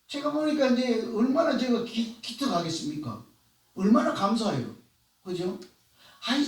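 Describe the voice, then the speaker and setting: A man preaching a sermon as pastor, talking conversationally and asking the congregation questions. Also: high-pitched. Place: church sanctuary. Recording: echoey church hall, voice from far off.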